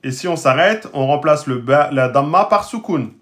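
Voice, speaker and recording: A man's voice: lively intonation, a bit bright. A man teaching Arabic and Quran reading in a recorded lesson, patiently sounding out words syllable by syllable and talking straight to his students. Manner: slow, patient, drills syllables one by one; sounds out words very slowly, raising his pitch.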